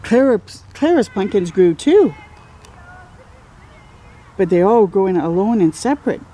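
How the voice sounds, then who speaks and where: In a mellow, medium-pitched voice with lively intonation, a woman reads a picture book to small children at a slightly slow pace. Her read-aloud is expressive, full of exclamations, encouraging remarks and elongated key words.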